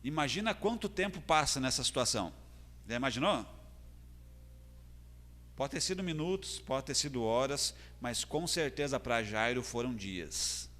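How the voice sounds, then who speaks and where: Brazilian man, pastor's sermon, bright forceful tone, long hall reverb. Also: mid-range voice, lively intonation, normal speed. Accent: Brazilian Portuguese. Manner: earnest preaching, rising in intensity. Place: church hall.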